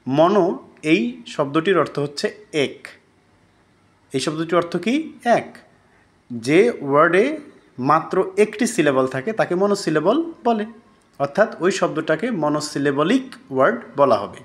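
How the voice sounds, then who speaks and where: A male teacher teaching a recorded grammar lesson. His voice sits slightly high for a man. He poses quick questions to his students and answers them himself. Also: expressive.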